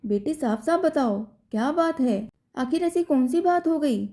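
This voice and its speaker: A woman's voice: high voice, expressive, unhurried, mellow, voice pushed up. A woman voicing a father who is concerned and angry for his daughter. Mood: worried. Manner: concerned, then furious.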